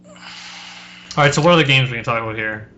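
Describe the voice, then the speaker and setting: A man's voice: mid-range voice, normal speed, bright, forceful tone, dull audio. A tired man co-hosting a casual podcast, rambling with lots of fillers and self-deprecating jokes. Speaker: podcast co-host.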